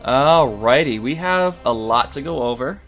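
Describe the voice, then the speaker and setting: A man with a mid-pitched voice hosts a casual podcast. He talks in an informal, bantering way, with faint music behind him. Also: animated, measured pace, a bit bright. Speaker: podcast host.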